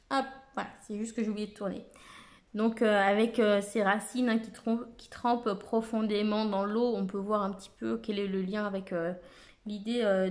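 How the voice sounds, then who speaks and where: A woman with a medium-pitched, slightly mellow voice casually presents an oracle card deck. She reads out lists of keywords, hesitating often and using lots of fillers.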